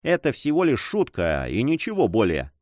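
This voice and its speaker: A man's voice: medium pitch, huge pitch swings, moderate pace, a little mellow, dry recording. A man voicing a confident French adventurer who teases with a smirk in his tone. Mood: mocking. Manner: teasing, self-assured. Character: mocking confident French adventurer, adult male.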